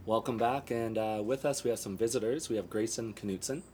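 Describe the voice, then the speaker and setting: A man's voice: fairly low pitch, brisk, dark tone, soft background music. A man hosting a podcast, asking short questions in a laid-back, casual interview. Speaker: podcast host.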